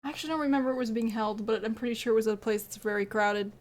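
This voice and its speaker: High-voiced chatty woman streamer. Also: rapid-fire. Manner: rambling, chatty, laughs often. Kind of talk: casual live-stream chat while gaming.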